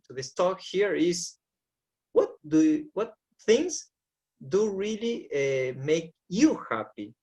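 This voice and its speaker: Pria Argentina berusia 40-an bersuara agak tinggi, tenang dan sungguh-sungguh sebagai pelatih. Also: male voice, sits high, big pitch swings, slow, darkish tone. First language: Spanish. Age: 40s. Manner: earnest, repeats words while searching for phrasing. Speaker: shamanic coach. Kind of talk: interview answers.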